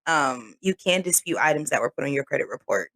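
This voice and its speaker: Animated, profane young woman. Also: deep voice, fast. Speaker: podcast guest. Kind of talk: casual chat.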